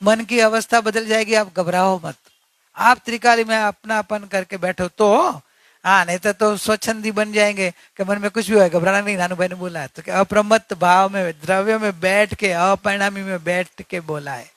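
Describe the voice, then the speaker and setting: A man's voice: sits high, steady tone, moderate pace, a bit bright, dry recording. A man giving an earnest religious discourse, repeating key points and asking rhetorical questions. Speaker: spiritual teacher.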